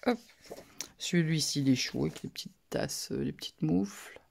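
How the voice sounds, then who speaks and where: A woman casually talking through a craft haul, soft-spoken and murmuring, her asides drifting into whispers. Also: low-pitched, normal speed, vocal fry, husky. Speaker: craft vlogger.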